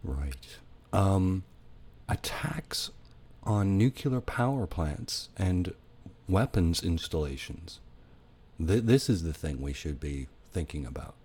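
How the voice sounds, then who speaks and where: Man, podcast host, very deep voice, casual, conversational. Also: lively intonation, takes it slowly, darkish tone, slightly rough. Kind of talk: interview.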